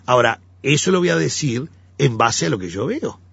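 A gravelly, slightly raspy man speaks as a pastor in relaxed conversation. His pitch rises and falls in a lively way as he acts out the people in his stories. The recording sounds dull and lo-fi. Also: moderate pace, no echo. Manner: animated storyteller, acts out quoted voices. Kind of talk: conversational teaching.

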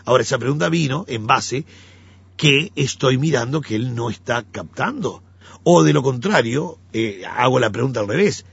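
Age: 60s. Sex: man. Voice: gravelly, husky, lively pitch. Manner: animated storyteller. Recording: dull, lo-fi. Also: normal speed. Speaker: pastor. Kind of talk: conversational teaching.

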